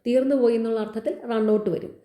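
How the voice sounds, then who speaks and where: A woman's voice: on the high side, steady tone, rapid-fire, dark tone, roomy sound. A woman explaining exam grammar answers as a teacher, repeating key words and asking quiz questions.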